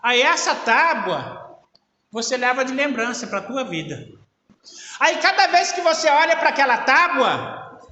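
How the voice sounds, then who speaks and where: A male preacher with a high, lively, bright voice tells a parable, acting out its dialogue. His delivery swings from loud to hushed. The sound rings in an echoey church hall with a faint hum behind it. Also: unhurried, pauses often, dull audio. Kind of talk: sermon.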